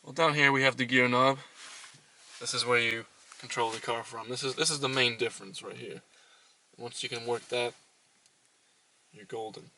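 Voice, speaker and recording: A man hosting a comedy vlog, explaining driving as a deadpan mock tutorial from inside a car. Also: mid-range voice, normal speed, long pauses, far from the mic, a little hiss or hum, poor audio. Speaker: host.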